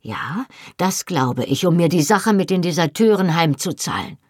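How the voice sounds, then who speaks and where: Jamie, a woman voicing a fierce Highland husband. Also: animated, normal speed, no echo, studio quality. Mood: angry. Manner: low, rough with passion. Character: fierce young Highland husband, proud and wounded.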